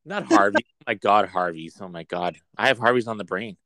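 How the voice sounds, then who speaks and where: A man co-hosts a casual podcast chat, joking around playfully and slipping into a mock commercial-announcer voice. His voice is lowish, fairly quick, pushed and bright.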